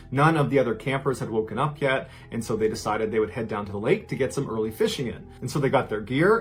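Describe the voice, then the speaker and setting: A man hosting a podcast, narrating a true mystery story in a conversational, suspenseful way. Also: mid-range voice. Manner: conversational, present-tense storytelling with steady suspense.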